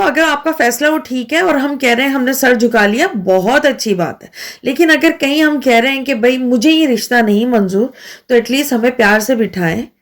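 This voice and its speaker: A woman vlog host from Pakistan, talking earnestly to her viewers and asking rhetorical questions as she explains her views. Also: a little high. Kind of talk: casual talk to camera.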